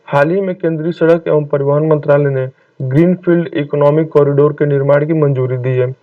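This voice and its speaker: A man's voice: a little high, no echo. A man tutoring for an exam, reading out quiz questions and answers and saying "okay, friends" after each one. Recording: tinny, distant phone-like mic.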